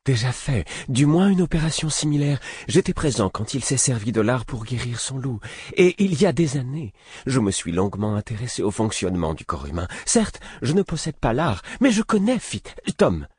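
A man voicing an insistent, eager male companion in an audiobook, speaking fast and high. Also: big pitch swings, darkish tone, slightly rough, dry recording. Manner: insistent and quick.

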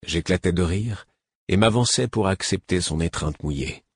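A man narrating an audiobook in a calm, measured way. His voice is low with a husky texture. The recording is close and dry. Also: no room sound.

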